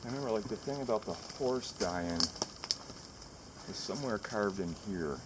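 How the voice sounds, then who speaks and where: A man's voice: lowish voice, expressive, normal speed, heavy background noise. A man showing his family's land outdoors, casually reminiscing and unsure of some details. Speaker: landowner guide. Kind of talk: casual chat. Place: outdoors in a forest.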